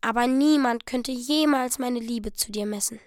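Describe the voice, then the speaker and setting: A woman reading the part of a young wife who pleads eagerly with her husband, her voice raised higher and louder. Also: moderate pace, no room sound, studio quality. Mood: pleading. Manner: breathless, pleading and excited.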